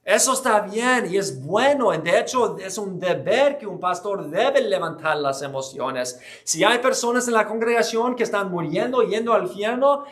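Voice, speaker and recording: A man's voice: sits high, a bit bright. A man giving an earnest church history lecture, explaining with frequent restarts and hesitations.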